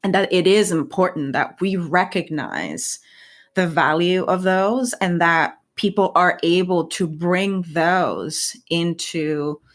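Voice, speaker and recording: On a podcast, a woman in her thirties from Puerto Rico, whose first language is Spanish, is interviewed as a guest scientist. Her voice is on the low side, expressive and slow; she muses reflectively, restarting phrases and repeating words often.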